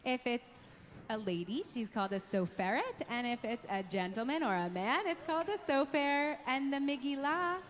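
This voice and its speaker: A woman's voice: sits high, lively intonation, normal speed, a little hiss or hum. A woman rabbi co-leading a children's program, explaining things simply to young listeners.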